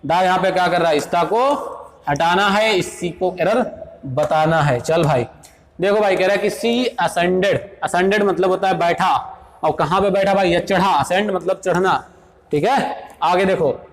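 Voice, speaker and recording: A man runs an exam-prep grammar lesson. His voice sits high, and he talks briskly, quizzing students as he goes. He reads the sentences out slowly and explains them fast. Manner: brisk, repeats "देखो भाई" and quizzes students. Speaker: English teacher.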